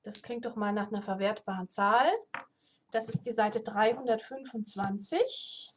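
A woman reading aloud from her own book in a chatty way, pausing to roll dice and chat. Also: a little high, slight background noise. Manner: chatty, self-interrupting.

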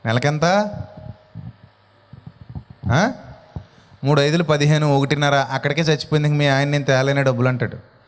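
A male pastor preaching a sermon in an animated way, full of rhetorical questions. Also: on the high side, moderate pace, long pauses, in a large hall.

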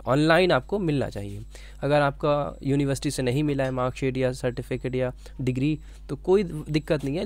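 Here a teacher, whose male voice is a little high, walks through an exam notification informally, recorded with no room sound. His explanation is repetitive, punctuated by frequent "okay" check-ins.

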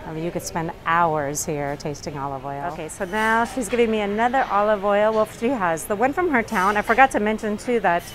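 Talking through a face mask that muffles her words, this woman runs a casual walking tour of a covered market and its entrance as a local tour guide vlogger. Her medium-pitched voice moves briskly with hardly a pause, over soft background music. Market ambience fills the noisy handheld recording.

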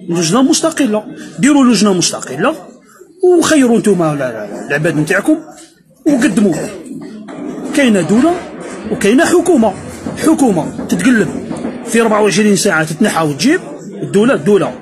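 Fast, mocking Algerian man ranting. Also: high voice, sing-song, a crowd in the background. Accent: Algerian Arabic. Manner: mocking, sarcastic, addressing opponents directly. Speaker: political commentator. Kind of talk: impassioned political rant.

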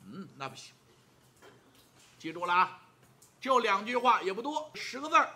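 A man voicing a sly, teasing male scholar in yellow robes who talks in a mocking, knowing way. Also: sits high, big pitch swings, normal speed, heavily acted.

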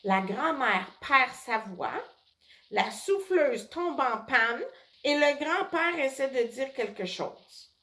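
A woman reading a children's story aloud in an expressive, unhurried way. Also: high-pitched. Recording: echoey room.

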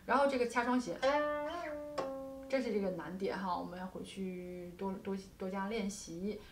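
A woman's voice: mid-range voice, fairly even intonation, moderate pace, music in the background. Patient woman guqin teacher, echoey room. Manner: patient explaining with frequent soft particles. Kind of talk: music lesson with demonstrations. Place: music studio.

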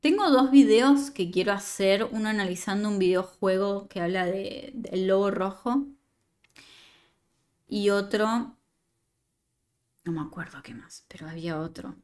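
A woman's voice: mid-range voice, measured pace, pauses often, a little mellow. A woman leading a writing workshop, reading a student's story aloud and giving chatty, digressive, teasing feedback.

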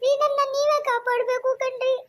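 A shrill, terrified young wife. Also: female voice, level tone, fairly quick. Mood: frantic pleading. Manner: frantic, pleading. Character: frightened young pregnant wife.

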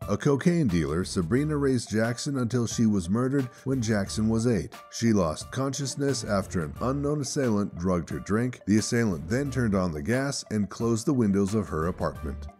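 A man reading scripted documentary narration in a steady, even way. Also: lowish voice, normal speed, hardly any pauses, faint music behind.

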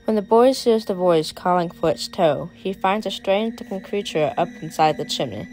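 A woman's voice: lowish voice, lively intonation, moderate pace, faint music behind, rough recording. A woman reading a short horror story aloud, dramatic in her storytelling. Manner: dramatic storytelling, varying loudness for suspense. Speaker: storyteller and artist.

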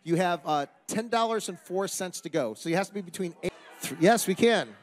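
A man's voice: high voice, lively intonation, a little fast, slight background noise. A middle-aged American man hosting a game show, explaining rules off the cuff in a casual, joking way. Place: large TV studio with audience. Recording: studio crowd and music behind. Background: crowd and music.

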